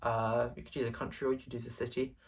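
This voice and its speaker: This young English tutor, in his late teens, talks fast in a mid-range voice with little pitch movement, over background noise. He's screen-recording an exam walkthrough, thinking aloud and often hesitating or using fillers.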